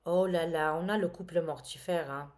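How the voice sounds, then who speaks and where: A woman's voice: on the low side, steady tone, moderate pace, a little mellow. A woman reading tarot cards to her viewers, talking casually and dramatically with many exclamations and fillers. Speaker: tarot reader.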